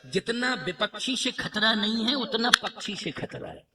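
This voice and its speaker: A man's voice: high voice, animated, unhurried, a crowd in the background. A man giving a devotional scripture sermon to a gathering, retelling the story with acted quotes and pressing the listeners for answers. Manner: questions the audience and urges answers. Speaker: spiritual preacher. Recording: echoey room, distant mic, faint music.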